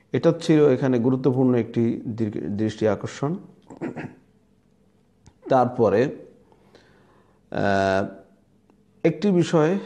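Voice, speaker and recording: Slow, mellow-voiced man teaching recitation. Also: medium pitch. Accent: Bangladeshi Bengali. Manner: demonstrates letters and words aloud, repeating them.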